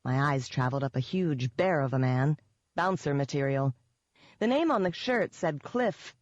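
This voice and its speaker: A woman's voice: deep voice, animated, moderate pace, dry recording. A woman narrating a first-person audiobook in a wry, sardonic manner. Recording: dull, dry audiobook recording.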